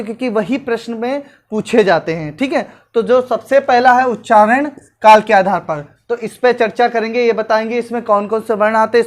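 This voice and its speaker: A woman teacher giving an exam-prep lecture, repeating points and asking questions that she answers herself. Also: a little high. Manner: repetitive drilling, asks and answers own questions.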